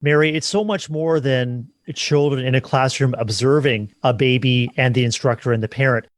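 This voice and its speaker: A male podcast host asking measured, formal interview questions. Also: mid-range voice, no echo.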